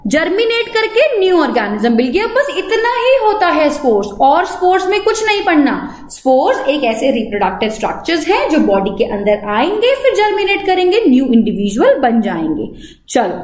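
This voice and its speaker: Lively high-voiced woman biology teacher, Indian accent. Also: reverberant. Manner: mixes Hindi and English, asks and answers her own questions. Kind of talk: online class lecture.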